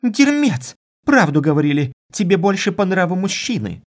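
A man's voice: high-pitched, big pitch swings, drawn-out words, a little mellow, pitched above the performer's own voice, exaggerated voice. A man voicing a spoiled, furious young daughter of a rich merchant, screeching at her lover in an audiobook.

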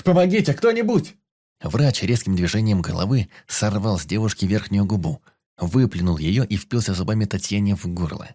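A man narrating a horror audiobook in a steady, even manner. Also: deep voice, normal speed, dry recording, clean studio sound. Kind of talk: scripted narration.

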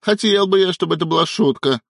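A man's voice: fairly low pitch, sing-song, measured pace, gravelly, no room sound, studio quality, full character voice. A man voicing a grumbling young man with a wry, joking manner in an audiobook.

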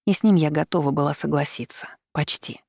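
Brief: steady audiobook narrator, gravelly texture, close and dry recording. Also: mid-range voice, normal speed, no echo. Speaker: audiobook reader. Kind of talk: scripted first-person narration of a romance fantasy novel.

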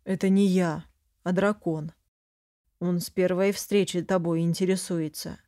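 A woman's voice: lowish voice, fairly even intonation, a little slow, mellow, natural voice. A woman reading as a stern male dragon general. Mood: calm.

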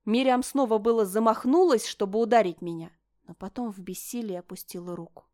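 A woman reading a novel aloud in first-person narration, with a quiet, measured delivery. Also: medium pitch, no echo, studio quality. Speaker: audiobook reader.

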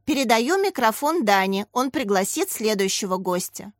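A woman voicing an excited little schoolgirl co-host with a high, squealing voice. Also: normal speed, no room sound, clean studio sound, close to an everyday voice.

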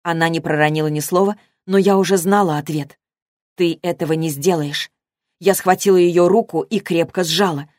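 A woman with a lowish voice narrates a novel at a measured, steady pace. Her telling is even and composed. The recording is close and completely dry. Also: no room sound. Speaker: audiobook narrator. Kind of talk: scripted narration.

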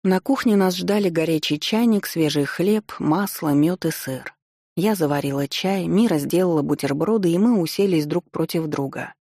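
A woman narrating a first-person audiobook with wry, lively storytelling. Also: lowish voice, normal speed, dry recording, clean studio sound.

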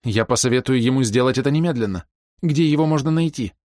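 A man's voice: mid-range voice, fast, a little mellow, no echo, clean studio sound, voice pushed up, natural voice. A man voicing a proud, distraught older woman who pleads and flares up in indignation. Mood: defiant. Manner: pleading, indignant, breaking into outbursts. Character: proud distraught older woman, fiercely defending her brother.

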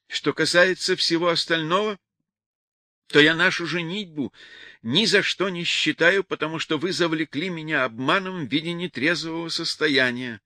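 A man voicing a stubborn young soldier who speaks stiffly and quietly, in an audiobook reading. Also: a little high, moderate pace, dry recording, clean studio sound. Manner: stiff, pleading.

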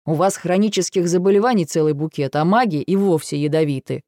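A man voicing a weary, dry-witted male dragon in an audiobook, with a gravelly, restrained delivery. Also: a little high, a little fast, darkish tone, no echo, lightly acted. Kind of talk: audiobook dialogue reading.

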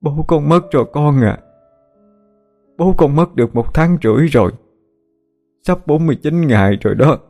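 A man's voice: a little high, expressive, normal speed, long pauses, a little mellow, soft background music, voice pushed up. A man voicing a frail, half-blind old village mother who speaks in a trembling, tearful, pleading way. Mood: gentle grief. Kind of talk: audiobook character voice.

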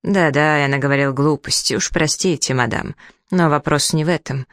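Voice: medium pitch, normal speed, no echo, clean studio sound, lightly acted. A reader voicing an agitated elderly male Egyptologist who is obsessed with his mummy. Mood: accusing. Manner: excited, accusing, dwells on his mummy.

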